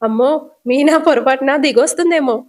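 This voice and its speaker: A woman's voice: high-pitched, moderate pace, lightly acted. A woman voicing a brash, sarcastic young man who teases his family. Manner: teasing, sarcastic. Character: mocking, brash young adult son.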